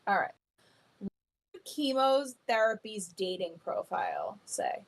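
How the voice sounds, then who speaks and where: A woman's voice: medium pitch, wildly swooping pitch, measured pace. A woman co-hosting a podcast over a video call, casual and jokey, blunt, swearing and laughing a lot. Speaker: podcast co-host. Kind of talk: casual chat.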